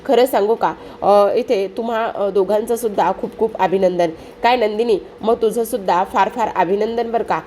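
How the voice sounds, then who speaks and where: A woman's voice: medium pitch, normal speed, hardly any pauses, mellow, a little hiss or hum, close to an everyday voice. A woman voicing an angry middle-aged father-in-law who scolds his wife with indignant questions. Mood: genial.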